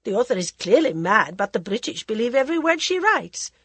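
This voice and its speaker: A grand, worldly older society lady holds court in a storybook, drawling and theatrical, put on by a woman reading aloud. Her voice is husky and a touch higher and louder than plain narration, swooping with lively, arch inflection, recorded close and dry. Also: fairly quick, no room sound, full character voice. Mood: arch, languid. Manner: theatrical, languid drawl, calls everyone darling.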